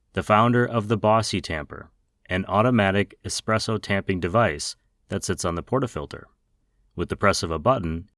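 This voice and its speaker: A man's voice: sits low, fairly bright tone, no echo, studio quality. A man hosting a coffee podcast, reading a scripted, upbeat introduction and sponsor message. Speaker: podcast host.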